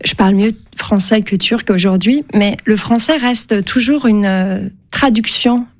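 Speaking French in an unhurried, mid-range, slightly mellow voice, this Turkish-born novelist is a radio interview guest. Turkish is her native tongue, and she answers thoughtfully and hesitantly, often restarting and using fillers.

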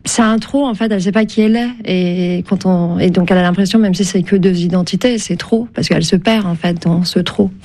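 Brisk and with few pauses, a Turkish-born novelist speaks French in a lowish, fairly even, darkish voice during a radio interview. Though her native language is Turkish, she remains thoughtful and hesitant, with many fillers and restarts.

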